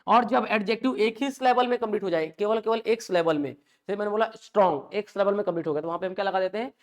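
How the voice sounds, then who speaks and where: A man's voice: high-pitched, quick pace. A male English teacher, lecturing a class and repeating each point as a question and answer.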